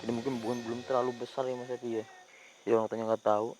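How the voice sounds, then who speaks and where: A man, hosting a ghost-hunting video outdoors at night, talking in a hushed voice that turns into loud, urgent calls. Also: medium pitch, level tone, rapid-fire. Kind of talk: hushed on-location paranormal narration.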